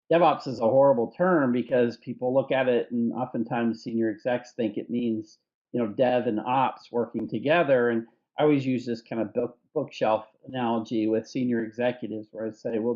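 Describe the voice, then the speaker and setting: A male host with a mid-range voice in a relaxed discussion. He affirms his guest with enthusiasm before sharing his own view. The sound is slightly dull and lo-fi. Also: mid-range voice, fairly quick. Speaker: company CEO and host. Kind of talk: conversational discussion.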